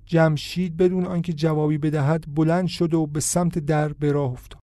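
A man reading a story aloud as the narrator, in a measured storytelling manner. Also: a little high, flat delivery, warm tone, no room sound. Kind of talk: audiobook narration.

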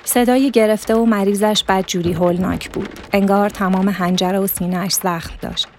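A woman reading a literary story aloud as narrator, in a steady, measured manner. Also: mid-range voice, a little hiss or hum.

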